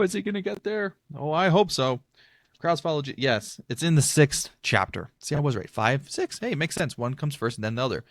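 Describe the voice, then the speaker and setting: A young man talks through a Bible-study podcast in a loose, rambling way, often poking fun at himself. His voice sits at a middling pitch, and the room around him is dry, with no echo. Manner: rambling, chatty, self-deprecating. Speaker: podcast host.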